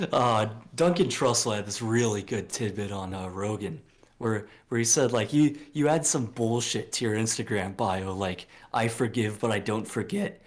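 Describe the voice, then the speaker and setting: A man's voice: lowish voice, measured pace. A man in his late twenties co-hosting a podcast in casual chat, blunt and preachy, swearing freely, with lots of fillers. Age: late 20s. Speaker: podcast co-host.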